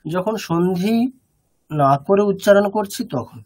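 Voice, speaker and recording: A man's voice: sits high, measured pace, darkish tone. A man teaching an online class over a video call, explaining patiently and often stopping to check that his students follow.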